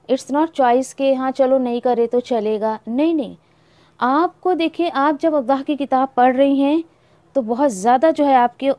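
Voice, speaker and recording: Woman recitation teacher, unhurried, stretches out each word to demonstrate, drops in English phrases, dry recording. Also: high-pitched, a little mellow, no echo. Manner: slow, drawn-out demonstration of Arabic pronunciation; mixes in English words. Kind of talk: Tajweed lesson.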